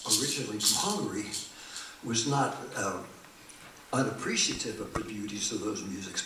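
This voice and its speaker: A man from the Philadelphia area telling an animated, digressive story between songs at a small music cafe, with restarts along the way. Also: mid-range voice. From Philadelphia area, USA. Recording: echoey, distant, noisy live room.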